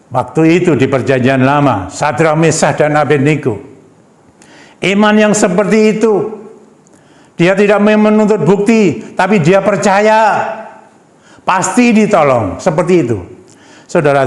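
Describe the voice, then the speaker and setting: A man with a fairly high voice delivers a sermon, moving between scripture reading and emphatic commentary. He keeps calling on his listeners directly and asking them questions. The recording carries the echoey sound of a church hall. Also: animated, unhurried, long pauses. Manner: addresses the congregation as "Saudara" and asks rhetorical questions; reads verses aloud, then comments in an emphatic, conversational way. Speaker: preacher.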